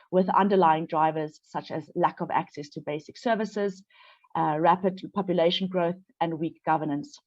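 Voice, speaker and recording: A woman's voice: fairly low pitch, darkish tone, muffled recording. Congested woman presenting. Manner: measured, reads from prepared notes. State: congested from flu. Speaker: panel presenter. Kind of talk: prepared presentation.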